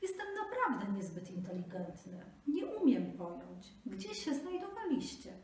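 A sly little male jackal plays dumb in a high, fussy, overly polite voice, as a woman reads him in a storybook. The room echoes heavily and the mic sits far off, with faint noise underneath. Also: huge pitch swings, a little slow, exaggerated voice. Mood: feigning. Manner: high, bright, fussily polite. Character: small sly male jackal feigning stupidity.

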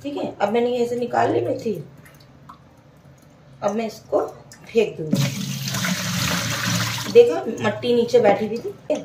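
A woman's voice: fairly high pitch, animated, a little slow, pauses often, background noise. A woman, casually narrating a home cooking vlog and explaining each step to her viewers. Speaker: home cook vlogger. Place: home kitchen. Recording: echoey kitchen, mic far off.

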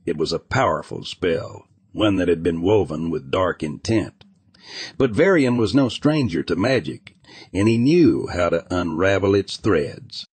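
Deep husky guy reading a fantasy audiobook, dry close mic, even pace. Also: measured pace, no echo. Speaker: audiobook narrator. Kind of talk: scripted fantasy narration.

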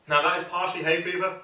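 A man hosting a casual tasting review, describing the food in a steady, matter-of-fact way. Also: high-pitched. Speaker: host, hot food reviewer. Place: indoor room. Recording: echoey room, distant mic, faint noise.

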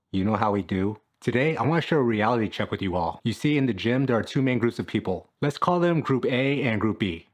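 A man in his thirties, a fitness coach, giving an upbeat, jokey scripted talk to camera in a small room at home. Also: mid-range voice.

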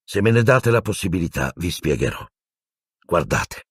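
Male narrator as calm middle-aged wizard mentor, measured, husky, dry studio read. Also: sits low, no room sound, exaggerated voice. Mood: explaining. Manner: measured, explaining, mildly impatient.

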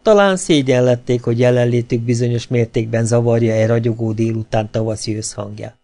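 A man narrating an audiobook with a measured, expressive reading. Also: medium pitch.

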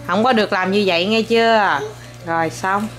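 A woman's voice: medium pitch, normal speed, faint music behind. Playful young mother coaxing her child. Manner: coaxing, playful, scolding gently. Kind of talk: casual home vlog talking to child and viewers.

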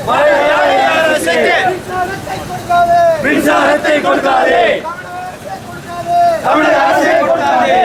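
Protest leader, male, chanting through a megaphone from a distance over heavy street noise. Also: very high-pitched. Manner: shouting, repetitive call-and-response chanting.

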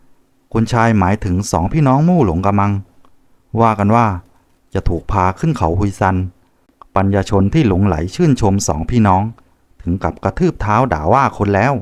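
A man voicing a flirtatious middle-aged innkeeper's wife in a slow, polite, deferential way. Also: on the low side, big pitch swings, dry recording. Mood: eager.

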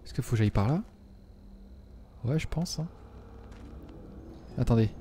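A man's voice: mid-range voice, lively intonation, unhurried, warm tone, slight background noise. A young man streaming a game live, chatting to his viewers and bursting into dramatic yelps when scared. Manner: talks to viewers and game characters. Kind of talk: live gameplay commentary.

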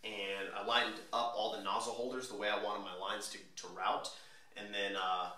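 A man casually walking through his own car modification project, relaxed and rambling with lots of fillers. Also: on the low side, moderate pace. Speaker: DIY car modder. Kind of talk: casual DIY walkthrough. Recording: echoey room, mic at a distance.

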